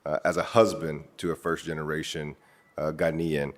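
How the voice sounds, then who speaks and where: A man council member speaking off the cuff at a meeting, halting, with many fillers. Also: rumbling low, flat delivery. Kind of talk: unscripted meeting remarks.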